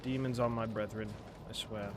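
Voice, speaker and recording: A man's voice: lowish voice, steady tone, moderate pace. A young man streaming a game in a put-on British accent, hyper and swearing as he plays. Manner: hyper, swearing, self-mocking. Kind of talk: gaming livestream commentary. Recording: clear background noise.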